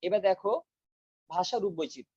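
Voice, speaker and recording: A man teaching a class over a video call, repeating key terms slowly so students can take notes. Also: high voice, a little mellow, husky, dry recording, highs cut off. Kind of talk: online class lecture. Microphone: video call mic.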